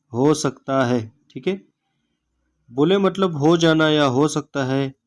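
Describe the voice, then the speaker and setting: Slow, repetitive male language tutor. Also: mid-range voice, a little mellow. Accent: Pakistani. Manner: says each word slowly, repeats it, adds "theek hai" after it. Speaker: language teacher. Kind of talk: slow vocabulary lesson.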